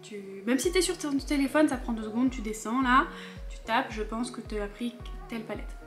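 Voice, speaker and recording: A woman's voice: fairly high pitch, moderate pace, faint music behind. A young woman doing a casual beauty haul at home, chatty and rambling, a bit riled up and poking fun at herself. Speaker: beauty vlogger. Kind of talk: casual haul chat to camera.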